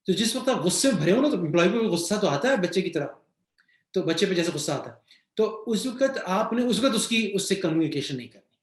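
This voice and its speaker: A man's voice: high voice, lively intonation. A man with a Pakistani accent speaking in a webinar, answering questions on leadership in a conversational way with everyday examples and English phrases mixed in. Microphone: video call. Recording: echoey room sound.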